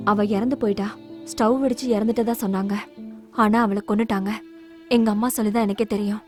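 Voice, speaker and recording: A woman's voice: medium pitch, darkish tone, lightly acted. An actress playing an earnest, troubled young woman confiding in a friend, in dubbed film dialogue.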